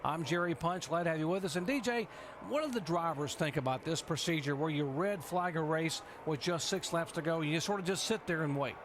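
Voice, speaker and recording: A man's voice: a little high, fairly quick, background noise. A man anchoring a television race broadcast as lead motorsport commentator, recapping and setting up discussion.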